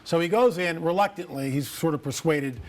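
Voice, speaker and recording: A man's voice: fairly high pitch, normal speed. A man speaking as a guest on a TV interview, telling stories with confident, emphatic statements. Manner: confident storytelling, emphatic, declarative.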